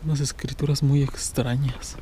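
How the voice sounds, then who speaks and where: A man's voice: medium pitch, level tone, normal speed. A man in his twenties with a Mexican accent hosting a casual night exploration vlog outdoors in short, slangy phrases. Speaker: vlog host. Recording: noisy outdoor phone video.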